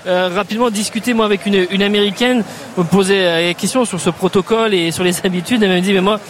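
A man reporting live from inside a stadium, unhurried and descriptive, with frequent fillers. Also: sits high, steady tone, slight background noise. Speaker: pitchside reporter. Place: stadium outdoors.

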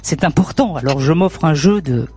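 A woman's voice: low-pitched, animated, moderate pace, over loud music. A woman hosting a radio game show, chatty and playful, teasing her caller and co-host.

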